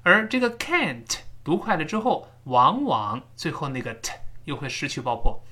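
Lively, bright-voiced male English teacher. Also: fairly high pitch, husky. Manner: explains step by step, drawing out sample words slowly. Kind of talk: recorded English pronunciation lesson.

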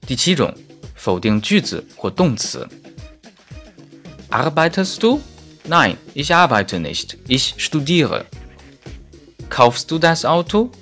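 With a sing-song, highly varied intonation, a male German grammar teacher who is a native Chinese speaker moves slowly through his lesson, leaving long pauses. He stays didactic yet conversational, adding casual asides and stating examples carefully over faint, soft music.

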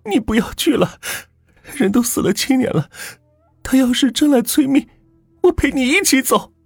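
A man's voice: expressive, normal speed, creaky, slightly rough, dry recording, clean studio sound, soft background music, exaggerated voice. A man voicing a terrified middle-aged wife who wails in a shaking, tearful voice. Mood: terrified, sobbing. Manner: shrill, wailing, voice shaking with tears.

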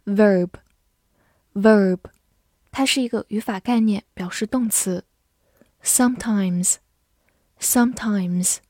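Woman teacher drilling vocab, says every word twice, soft mellow voice, super slow. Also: mid-range voice, no room sound, studio quality. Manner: says each word twice, then lists its parts of speech and meanings.

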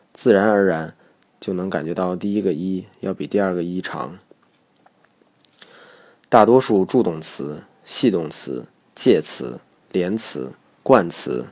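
A man narrating a recorded lesson on English pronunciation in a measured, methodical way. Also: deep voice, a little mellow.

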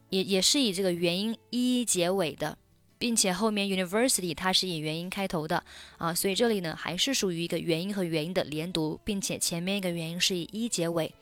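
A Chinese-speaking woman teaching English pronunciation, explaining how words link and repeating phrases slowly so they can be copied. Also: medium pitch, fairly bright tone, dry recording. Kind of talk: explaining linking sounds in a lesson.

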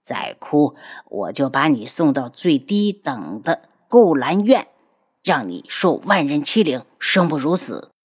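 A woman's voice: deep voice, animated, normal speed, slightly rough, voice pushed down. A woman doing a cold, cruel villain doctor. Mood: menacing. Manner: menacing, sneering threats.

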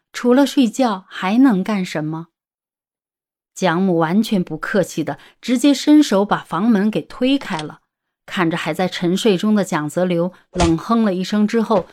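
A woman narrating an audiobook romance story in a steady storytelling manner. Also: medium pitch.

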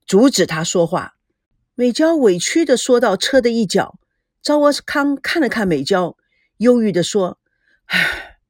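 A woman narrating an audiobook novel in an expressive storytelling manner, voicing every character herself. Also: a little high, slightly rough, no echo, clean studio sound.

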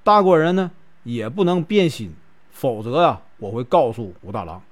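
A man's voice: medium pitch, expressive, moderate pace, lightly acted. A man with a Northeastern Mandarin accent voicing a scheming, greedy old matchmaker woman in a told story. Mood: threatening. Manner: coaxing, plotting storyteller's quoting voice.

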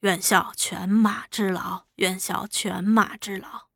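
A woman voicing a vain older local gentleman who speaks in a lowered, falsely humble tone. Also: lively intonation, a little slow, no room sound, clean studio sound.

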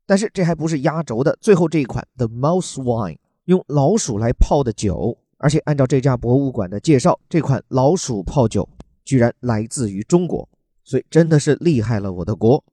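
A man's voice: mid-range voice, animated, normal speed, mellow, slightly rough, dry recording. A man from China, teaching English words from a news article in a chatty, joking way and spelling words out letter by letter.

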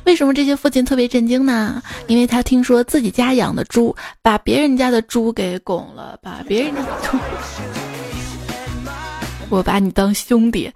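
A podcast host with a slightly high, somewhat mellow voice reads jokes aloud at a moderate pace and chats about them with listeners playfully. Faint music plays in the background.

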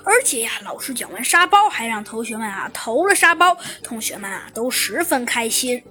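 High-voiced woman telling a story haltingly. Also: sing-song, bright, forceful tone. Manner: hesitant, many fillers and restarts. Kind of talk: improvised story narration.

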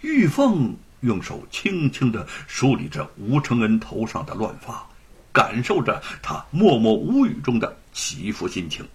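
A man narrating a serialized story in an expressive, dramatic storytelling manner. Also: mid-range voice, measured pace, husky. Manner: expressive, swings between loud and hushed.

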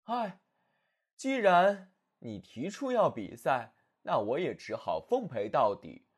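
A man's voice: a little high, sing-song, slow, slightly rough, full character voice. A man doing a sly little hedgehog. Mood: mocking. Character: small proud male hedgehog, sly and quick-witted. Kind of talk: storybook narration.

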